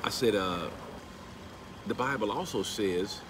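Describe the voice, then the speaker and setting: Speaking into a phone camera at arm's length beside a house's pool, a middle-aged man tells a story in a casual vlog and slips into animated, emphatic preaching whenever he quotes scripture. His voice sits lowish and his pace is measured, with steady outdoor background noise throughout.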